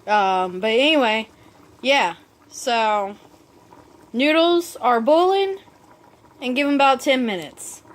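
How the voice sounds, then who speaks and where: A woman's voice: on the high side, lively intonation, slow, long pauses. A woman talking casually through a cooking vlog, a bit drunk, rambling and easygoing as she reassures her viewers. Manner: easygoing, self-deprecating, reassuring. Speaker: cooking vlogger.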